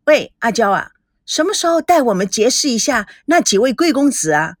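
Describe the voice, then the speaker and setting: A woman's voice: on the high side, big pitch swings, moderate pace, no echo, clean studio sound. A woman voicing a nosy, pushy teenage girl in a storybook reading. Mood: prying. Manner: prying, pushy.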